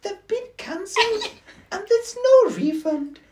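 A man's voice: very high voice, expressive, unhurried, pitched above the performer's own voice. A man putting on the voice of a prim young woman calling from an airline, in a polite, formal phone-agent tone. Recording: echoey room with background noise.

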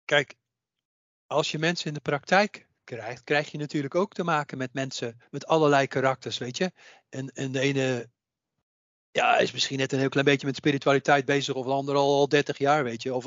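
A man's voice: medium pitch, a bit bright, dry recording. A man who works as a psychic medium, talking as a podcast guest in an earnest way, often repeating himself to drive a point home. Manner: earnest, repeats phrases while making a point. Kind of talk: casual podcast conversation. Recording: dull, muffled audio.

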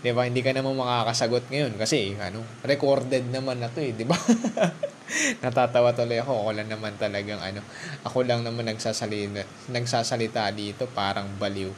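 A vlogger alone in his room gives a casual motivational talk, chatting freely in a mix of Tagalog and English and speaking straight to the listener. He talks fast in a steady, mid-range voice, with slight background noise.

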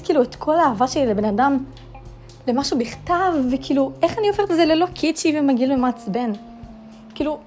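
Her high, slightly mellow voice carries this chatty solo podcast, hosted by a young woman. She leans on fillers and piles one dramatic rhetorical question on another.

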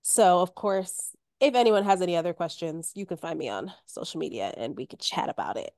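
A woman in her thirties talking casually and candidly as a podcast guest while sick and slightly hoarse. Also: fairly low pitch, expressive, a little fast, a little mellow, no echo, clean studio sound. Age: 30s. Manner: chatty, candid. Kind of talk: casual chat.

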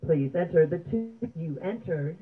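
A woman's recorded voice reading automated phone menu prompts in an even, measured way. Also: low voice, faint music behind. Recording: tinny phone line.

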